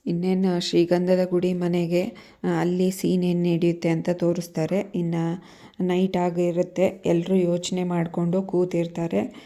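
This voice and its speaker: Woman recapping a soap episode, super flat voice, dark mellow tone. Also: fairly low pitch, moderate pace. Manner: monotone, steady retelling with fillers. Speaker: serial recap narrator. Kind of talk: casual story retelling.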